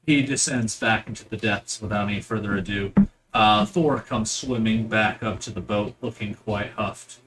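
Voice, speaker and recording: A man's voice: fairly low pitch, steady tone, moderate pace, rough recording. A man acting as game master, casually narrating a tabletop game with improvised, descriptive storytelling.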